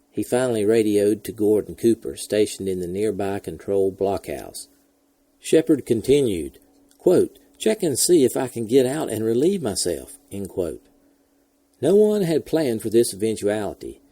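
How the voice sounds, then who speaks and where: Gravelly man narrating history. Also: fairly low pitch, no room sound. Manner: steady, measured storytelling. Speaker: podcast host.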